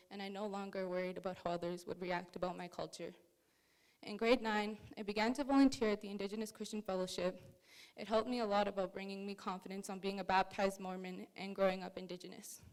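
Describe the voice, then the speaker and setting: A young woman from Canada speaks in a smooth, clear voice of middle pitch. She reads her prepared story in an earnest, measured and heartfelt way, as a speaker at a museum talk. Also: darkish tone, low-quality recording. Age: young adult. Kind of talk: reading a prepared personal story.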